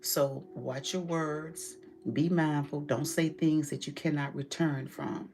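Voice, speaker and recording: A woman's voice: sits low, steady tone, slow pace, a little mellow, a little hiss or hum. A woman giving a tarot reading straight to her client, direct and emphatic, with casual swearing. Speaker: tarot reader.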